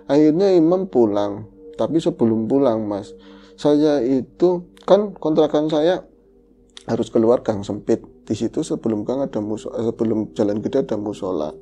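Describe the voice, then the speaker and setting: A man recounting his own eerie experience in casual chat, talking in a lively, conversational way with frequent fillers. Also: medium pitch, normal speed, soft background music. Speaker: guest storyteller.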